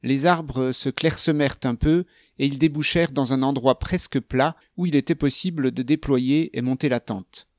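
A man reads a novel aloud in a calm, even manner. His voice has an ordinary male pitch and a close, dry sound with no room around it. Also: moderate pace, hardly any pauses, no room sound. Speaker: narrator. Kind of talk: audiobook narration.

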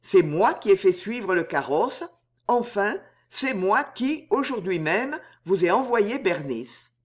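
A reader voicing a calm, authoritative older male stranger in a swashbuckling audiobook, speaking with measured command. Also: mid-range voice, voice pushed up.

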